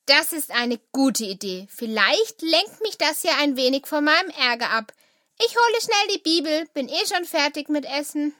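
A woman's voice: high-pitched, very animated, normal speed, sharp tone, no room sound, clean studio sound, full character voice. A woman voicing a child in a family audio drama who grumbles expressively. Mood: hopeful. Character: annoyed young child in family.

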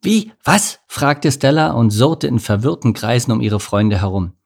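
A man voicing a ditzy, buzzing female mosquito in a storybook reading, with a high, flustered manner. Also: animated, a little slow, gravelly. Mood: confused.

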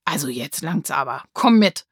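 A woman's voice: fairly high pitch, lively intonation, moderate pace, no room sound, clean studio sound, close to an everyday voice. A woman reading an audiobook, voicing a fiery, bossy schoolgirl who talks in a challenging, impatient way.

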